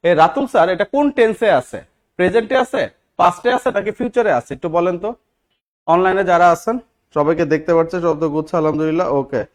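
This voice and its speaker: A man's voice: sits high, fast. A man teaching English grammar in a live online class, often asking his students questions and repeating key words. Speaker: English teacher for job exams.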